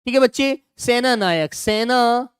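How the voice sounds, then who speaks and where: Smooth-voiced male teacher drilling grammar examples. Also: very high-pitched, measured pace, no echo, clean studio sound. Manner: drills examples, repeats words, coaxes students to answer. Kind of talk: online exam-prep grammar class.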